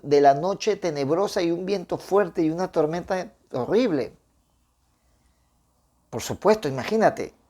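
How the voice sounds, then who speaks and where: A man's voice: a little high, darkish tone. A man delivers a short devotional sermon in a conversational tone. He reads scripture and then reflects on it, addressing his listeners directly and often asking them to agree. His phrasing is loose, with restarts along the way. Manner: conversational, with frequent tag questions and restarts. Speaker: preacher. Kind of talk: informal devotional sermon with Bible reading.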